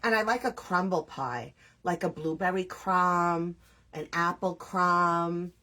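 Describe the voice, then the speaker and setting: A woman's voice: fairly low pitch, slow pace, pushed and bright. A woman from New York with a New York accent, chatting casually with live viewers while she crafts, rambling a little and reading their names out. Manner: chatty, scattered, self-deprecating, reads viewer names aloud. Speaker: crafting livestream host.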